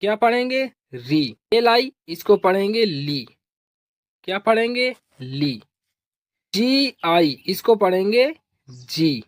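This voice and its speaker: A woman teaching English pronunciation, spelling out letters slowly, asking questions and repeating the answers. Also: mid-range voice, sing-song, no room sound, studio quality.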